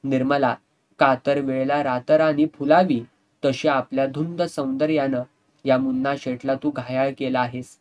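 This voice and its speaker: A man's voice: medium pitch, fairly even intonation, normal speed, close to an everyday voice. A man voicing a leering, drunken rich villain who mocks and sneers and slips into Hindi couplets. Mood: gloating.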